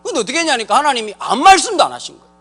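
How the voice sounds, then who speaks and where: Fast, bright-voiced joking pastor. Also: male voice, very high-pitched, sing-song. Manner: joking, slangy, quizzes the crowd directly; acts out characters in quick put-on voices. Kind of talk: lively comic sermon to a congregation.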